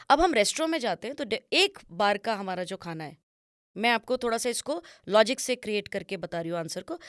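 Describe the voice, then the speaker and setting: A woman's voice: medium pitch, dry recording, clean studio sound. A woman speaking as an image consultant and guest, explaining points patiently in an interview and mixing English phrases into her speech. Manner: instructive, mixes English phrases into Hindi.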